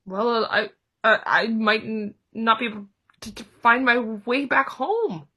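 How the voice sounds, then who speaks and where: A woman voicing a small, anxious piglet who is timid and self-doubting, speaking haltingly with a stammer. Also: fairly high pitch, sing-song, pushed and bright, heavily acted. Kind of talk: role-played therapy client in character.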